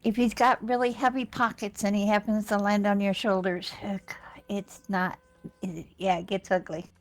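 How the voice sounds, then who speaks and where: A woman playing a friendly, down-to-earth gatherer who chats in a folksy, halting way in a role-play game. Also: mid-range voice, flat delivery, lightly acted. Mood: casual. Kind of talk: improvised in-character role-play chat.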